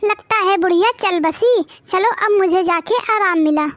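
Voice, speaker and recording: A woman's voice: extremely high pitch, moderate pace, fairly bright tone, dry recording, clean studio sound. A woman voicing a cruel, lazy young daughter-in-law in a cartoon, bossy and sneering. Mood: sly. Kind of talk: cartoon voice acting.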